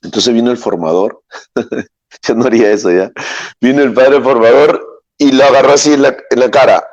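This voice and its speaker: Priest telling stories in a homily, lots of ums and restarts, dry muffled recording. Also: male voice, medium pitch, normal speed, a little mellow, no echo. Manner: rambling, searches for words, many fillers. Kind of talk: homily with anecdotes. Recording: dull, dry lo-fi sound.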